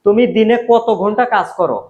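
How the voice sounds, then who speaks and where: A man gives a casual video lesson, repeating words slowly and asking and answering his own questions. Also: high voice, animated, muffled recording. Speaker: language teacher.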